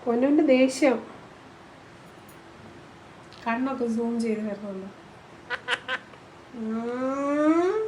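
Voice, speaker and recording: A woman's voice: sits high, normal speed, pauses often, a little hiss or hum. A woman from Kerala vlogging at home, talking to her pet parrot in coaxing, cooing baby talk. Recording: echoey room.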